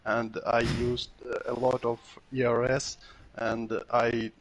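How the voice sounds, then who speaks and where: A man who just won a race, answering interview questions slowly and haltingly with many uhs, sounding tired. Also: medium pitch, monotone. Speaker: race winner being interviewed.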